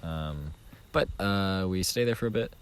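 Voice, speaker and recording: A man's voice: low voice, measured pace. A young man co-hosting a podcast, rambling through a casual story with plenty of fillers. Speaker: podcast co-host. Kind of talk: casual chat. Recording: noisy home recording.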